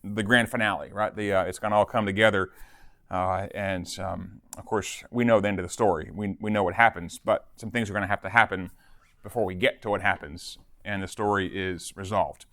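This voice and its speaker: A man's voice: low voice, steady tone, a little fast, fairly bright tone, no room sound, clean studio sound. A man teaching a Bible class in a loose, conversational way, with many fillers and tag questions.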